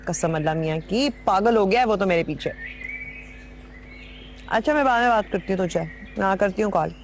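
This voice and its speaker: An actress as a coquettish, gushing young bride. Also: female voice, mid-range voice, lively intonation, normal speed, slight background noise, natural voice. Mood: gossipy. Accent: Pakistani Urdu. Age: young adult. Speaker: new bride. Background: background music.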